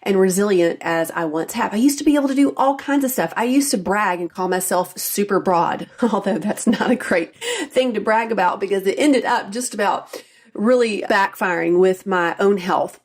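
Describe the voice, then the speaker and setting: A middle-aged woman hosting a solo podcast as a health coach, talking in an earnest, personal, confiding way. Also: lowish voice. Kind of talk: solo faith-based podcast talk.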